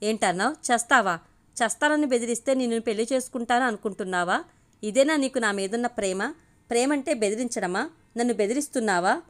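A woman's voice: a little high, a little fast, lightly acted. A woman voicing a fiery, blunt young woman in an audio story, speaking in a biting, scolding way. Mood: furious.

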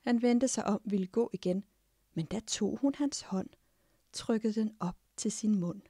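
Hushed, creaky woman narrating a fairy tale. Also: medium pitch, no room sound, studio quality. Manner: slow, hushed, drops into unvoiced whispers. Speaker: audiobook narrator.

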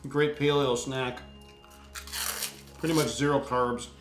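A man's voice: medium pitch, fairly even intonation, slow pace, over music. Chatty, jokey man tasting food in a roomy space. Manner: jokey, chatty, reads labels aloud. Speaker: co-host. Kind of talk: casual food tasting chat.

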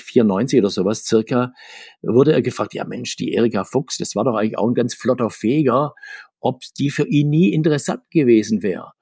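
In a studio-quality recording without echo, a middle-aged man speaks in a medium-pitched, slightly mellow voice with a breathy edge. He's a comics author being interviewed on a podcast, sharing anecdotes chattily, wandering off topic and frequently starting sentences over.

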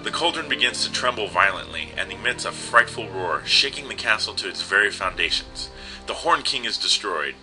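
A man's voice: fairly low pitch, expressive, moderate pace, sharp tone, soft background music, low-quality recording. A young man casually commenting on an old adventure game and reading its text aloud. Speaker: let's play host.

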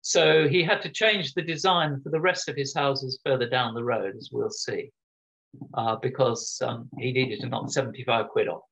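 Over dull, lo-fi video call audio from a home room, a man gives an informal illustrated talk on local history. His voice is medium-pitched, a bit bright, with vocal fry, at normal speed, and he's chatty, with frequent ums and restarts.

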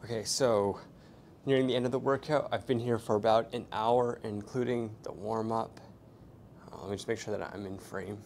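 A young man chats in a relaxed, rambling way, full of fillers, while he works out. His voice sits fairly low. A faint rumble hums underneath, picked up by a small clip-on mic in a hotel gym. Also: moderate pace, gravelly. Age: young adult. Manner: laid-back, rambling with many fillers. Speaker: fitness vlogger. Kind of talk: casual vlog narration between sets. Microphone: small clip-on mic, camera at a distance.

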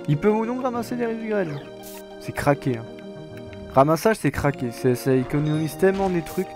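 A man's voice: fairly high pitch, lively intonation, moderate pace, over music. A man with a French accent hosting a let's play, giving casual game commentary full of crude jokes and swearing. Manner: crude, joking, swearing banter.

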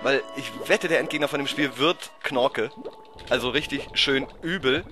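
A man doing casual let's-play commentary, excitable and loud, shouting and groaning at the game, his voice cracking. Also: mid-range voice, moderate pace, music in the background.

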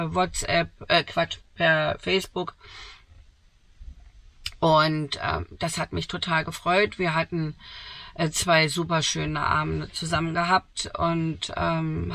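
A woman's voice: low-pitched, gravelly, fairly bright tone, no echo. A woman in her sixties chatting to camera from inside a camper van, enthusiastic, with lots of fillers. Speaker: camping vlogger. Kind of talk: casual vlog talk to camera. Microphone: fixed camera in front, seated.

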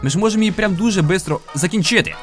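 A man's voice: high-pitched, racing, faint music behind. A man giving playful, upbeat live gameplay commentary as a gaming video host, dropping in sound-effect interjections.

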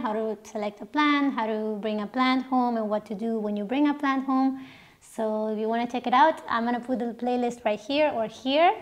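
A young woman from Mexico, partly raised in Canada, hosts her channel with a casual Q&A from a living room sofa. Her voice is a touch high, and she's chatty, laughs often, and restarts a lot, with the camera a few feet away.

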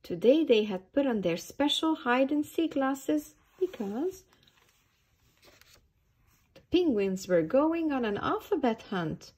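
A woman reads a picture book to small children in an unhurried, sing-song way. Her voice rises and falls widely and has a mellow, slightly husky tone. She often stops to ask the little listeners questions. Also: high-pitched, big pitch swings. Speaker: early years storytime reader.

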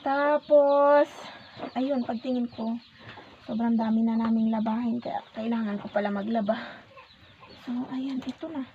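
A woman's voice: a little high, fairly even intonation, a little slow, a little hiss or hum. A tired mother with a cough, talking casually in a home vlog while washing laundry by hand outdoors, rambling with fillers and restarts. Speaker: mother and vlogger. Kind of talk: casual vlog chat, mixing in English with her child. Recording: dull lo-fi sound with roosters and chickens behind.

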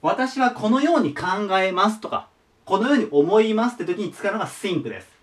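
A man's voice: sits high, lively intonation, fairly quick, recorded from a distance. A man teaching English verbs to students, patiently repeating each word form. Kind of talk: explaining English vocabulary to students.

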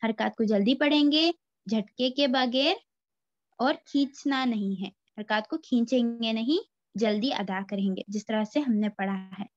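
A woman teaching Quran reading step by step, switching between Hindi-Urdu and English phrases and reciting letter sounds slowly for her students to repeat. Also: on the high side, no echo. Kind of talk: slow step-by-step lesson. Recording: dry, dull lo-fi recording.

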